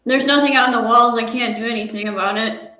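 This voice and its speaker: A woman with a fairly high voice speaks over a call, sounding tinny as if inside a tin can. Her bare-walled bedroom makes the sound boom with echo. She answers plainly and matter-of-factly. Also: fairly even intonation, fairly quick, pushed and bright. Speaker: guest joining a livestream. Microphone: remote call into a livestream.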